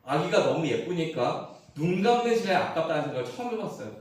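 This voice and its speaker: A man in his forties preaching as a pastor, telling a humorous family story that swings between hushed asides and emphatic punchlines. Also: fairly high pitch, big pitch swings, fast. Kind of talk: sermon. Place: church sanctuary. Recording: roomy church echo, mic at a distance.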